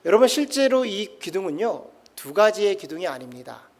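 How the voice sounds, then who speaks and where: High gravelly-voiced male pastor preaching. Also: big pitch swings, moderate pace. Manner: swings from loud exclamations to soft intimate lines; tells anecdotes and acts out quoted voices. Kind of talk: sermon.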